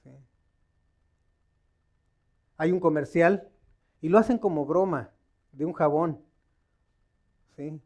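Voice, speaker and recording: A man leads a Bible study in the loose manner of a lay preacher, not a polished speaker. His voice sits on the higher side, and he quizzes the room, pausing on fillers and restarting sentences as he hunts for the right word. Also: darkish tone. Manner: conversational, quizzing the audience with questions; stops to search for words, with many fillers and restarts. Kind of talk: informal sermon.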